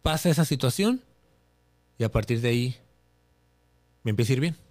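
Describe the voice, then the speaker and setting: A young man with a Mexican accent tells a personal story on a podcast. He talks in a lively way and acts out, with his own voice, the dialogue he remembers. His voice sits at a medium pitch. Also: fairly quick. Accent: Mexican Spanish. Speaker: podcast guest, influencer.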